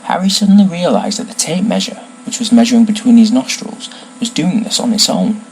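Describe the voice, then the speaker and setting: A man reading a novel aloud as narrator, with expressive, lively storytelling. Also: high voice, fairly quick, creaky, slight background noise, poor audio.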